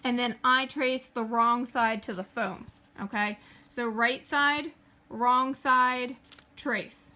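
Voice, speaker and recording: A woman's voice: a little high, slow, bright, forceful tone. A woman hosting a casual sewing tutorial, chatting and using lots of fillers as she talks through each step while she works. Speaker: craft tutorial host.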